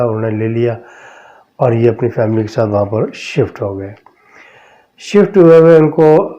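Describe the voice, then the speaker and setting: A man narrating a true horror story as a podcast host, slow and measured with drawn-out pauses. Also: medium pitch, dark tone, highs cut off.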